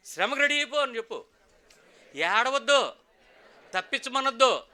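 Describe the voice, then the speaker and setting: Pastor, male, high-pitched, piercing tone; emphatic preaching with rhetorical questions. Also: big pitch swings, moderate pace, bright, forceful tone. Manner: emphatic, call-and-response with the congregation. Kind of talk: sermon.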